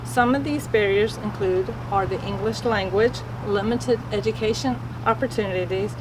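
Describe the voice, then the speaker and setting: A woman program staffer explaining class offerings in a measured, formal way. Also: mid-range voice, background noise.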